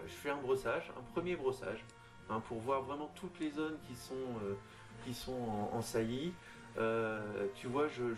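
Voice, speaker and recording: Man, low-ish voice, halting casual tutorial delivery over faint background music. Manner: hesitant, lots of fillers and restarts, addresses viewer informally. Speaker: miniature painting tutor. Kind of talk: casual tutorial narration while painting.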